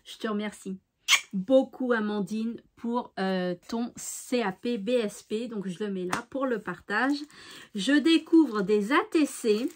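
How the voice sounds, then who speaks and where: A woman's voice: fairly high pitch, takes it slowly, a little mellow. A woman hosting a craft channel, opening mail and describing each piece in an effusive, admiring way, sometimes dropping to a near-whisper. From France. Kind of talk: casual mail-opening show-and-tell.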